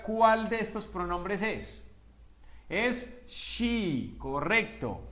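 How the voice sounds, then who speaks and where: A male English teacher runs a lively whiteboard lesson in a fairly high voice. He asks his own questions and answers them himself, and he stretches each English example out slowly and carefully. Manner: slows down sharply for English example phrases.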